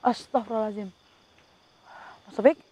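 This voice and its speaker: Higher-voiced woman coaxing a spirit outdoors. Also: normal speed, dark tone, breathy edge. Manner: coaxing and pleading with a spirit, muttering prayers. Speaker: ghost hunter. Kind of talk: paranormal investigation commentary. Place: outdoors at night before rain.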